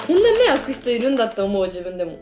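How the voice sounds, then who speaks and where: A woman's voice: medium pitch, rapid-fire. Slangy young woman chatting in echoey room. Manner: chatty slangy young woman, lively storytelling with playful exaggeration. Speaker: vlogger. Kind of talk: casual chat to camera. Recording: echoey room with faint music. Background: faint background music.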